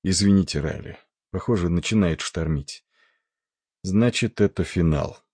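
A man voicing a calm, steady ship's chief engineer who talks in an even, quiet way, in an audiobook. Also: sits low, a little slow, husky, no echo, studio quality.

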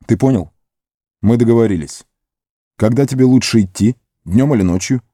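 A man's voice: mid-range voice, normal speed, mellow, no room sound, clean studio sound, lightly acted. A man voicing Frodo, a stern and resolute young hobbit, in an audiobook. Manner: stern, commanding. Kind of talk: audiobook character voice.

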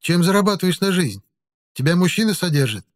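A man's voice: high-pitched, sing-song, a little fast, voice pushed up. A male narrator voicing a gossipy baker's wife of about fifty who chatters nosily in a raised voice in an audiobook. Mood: gushing.

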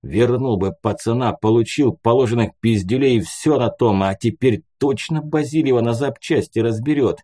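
A man's voice: medium pitch, normal speed, hardly any pauses, dark tone, lightly acted. A man doing coarse, swearing soldiers. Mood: grumbling. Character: crude male soldiers grumbling, coarse.

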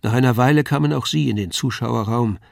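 A man calmly reading a classic novella aloud. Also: medium pitch, fairly quick, creaky, no room sound, clean studio sound. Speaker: reader. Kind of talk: scripted narration of a novella.

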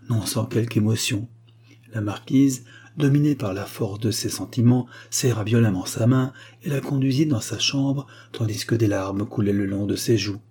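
Homme au timbre sombre et voilé. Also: male voice, lowish voice, darkish tone, husky. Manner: measured literary delivery. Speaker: narrator. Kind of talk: audiobook reading.

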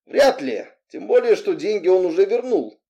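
A man's voice: high voice, sing-song, normal speed, mellow, voice pushed up. Man playing a curt, seasoned tough guy. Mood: scornful. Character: tough seasoned male bodyguard, blunt and wary.

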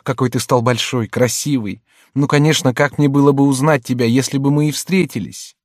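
A man's voice: mid-range voice, fairly even intonation, brisk, darkish tone, no echo, clean studio sound, pitched above the performer's own voice, natural voice. A man voicing an anxious woman in her forties searching for her lost son, in a pleading, emotional tone.

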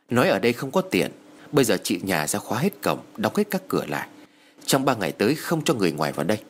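A man doing a calm old ritual master. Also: on the low side, slight background noise. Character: calm elderly male village ritual master.

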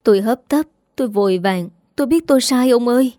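A woman's voice: on the high side, normal speed, mellow, no room sound, close to an everyday voice. Middle-aged storybook mother, tearful and begging, read by a woman, dry close sound.

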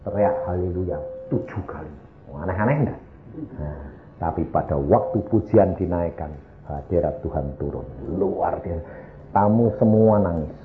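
An older man preaching a sermon, telling personal stories with sudden swings between loud, high exclamations and hushed, low asides. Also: moderate pace, soft background music. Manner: animated storyteller, sudden swings from loud highs to hushed lows. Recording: tinny lo-fi echoey hall recording.

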